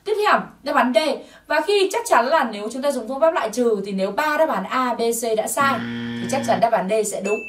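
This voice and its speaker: Lively-voiced woman teaching English. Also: fairly high pitch, brisk, far from the mic. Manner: patient, encouraging, drills pronunciation by repetition. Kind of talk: explaining test answers in a video lesson. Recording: roomy sound from off-mic.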